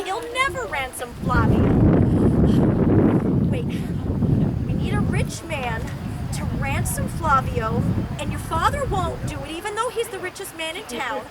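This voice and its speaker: A woman acts a doting, theatrical lady in a live comedy play. Her overwrought voice is very high and swings widely. She is recorded from a distance outdoors through loud noise. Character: melodramatic, doting lady confidante of a heartbroken young woman. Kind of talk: live outdoor commedia dell'arte comedy performance.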